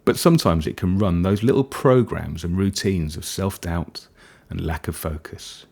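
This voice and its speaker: A man guiding a hypnosis session in a soft, soothing, breathy and unhurried voice, leaving gentle pauses between phrases. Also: low-pitched.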